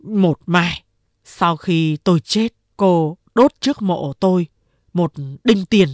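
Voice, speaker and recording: A woman's voice: fairly low pitch, slow pace, a little mellow, no room sound, studio quality. A woman doing a big weeping male boss. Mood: despairing. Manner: sobbing, self-pitying pleas.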